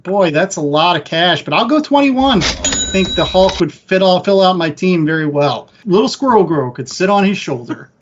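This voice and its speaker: A man's voice: high-pitched, expressive, normal speed. A man hosting a podcast, running a draft auction in a casual, jokey auctioneer patter. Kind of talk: casual group chat. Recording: lo-fi with background noise.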